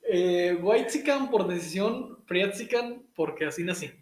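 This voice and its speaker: A man's voice: sits high, animated, a little slow, darkish tone, slight background noise. A man from Nuevo León with a northern Mexican accent, chatting casually and jokingly as an interview guest in colloquial, slangy speech. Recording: echoey room sound.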